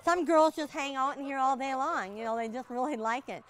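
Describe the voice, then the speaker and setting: Folksy woman farmer with a higher voice. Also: brisk, fairly bright tone. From Minnesota. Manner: easygoing, folksy, many "you know" fillers. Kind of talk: casual farm tour interview. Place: outdoors on a farm.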